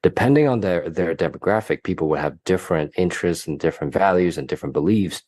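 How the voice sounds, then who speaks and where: A man from Hong Kong, a guest coach, answering interview questions in a measured, explanatory way with occasional restarts. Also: deep voice, expressive, darkish tone, no room sound. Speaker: guest, mind-performance coach.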